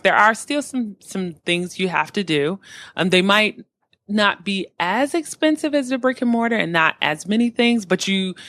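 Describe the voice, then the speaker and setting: A woman co-hosting a casual podcast chat, her voice bright and forward and a little low. She talks loosely, with a lot of "like" and "you know". The sound is dry and close. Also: dry recording. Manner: chatty, full of "like" and "you know". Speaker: podcast co-host.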